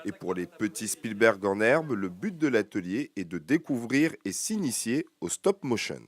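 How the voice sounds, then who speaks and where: A man presenting and narrating local television news reports in a measured, scripted way. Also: lowish voice, big pitch swings, no room sound.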